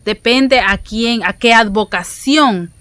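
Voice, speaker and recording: Woman, fairly high voice, earnest religious teacher who restarts and repeats phrases. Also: takes it slowly, fairly bright tone, no room sound.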